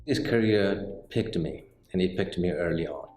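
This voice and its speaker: A middle-aged man from Senegal, a mortgage banker answering interview questions in a measured, explanatory way with frequent pauses. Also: deep voice, darkish tone. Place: indoor office set with bookshelves. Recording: roomy indoor sound with faint music.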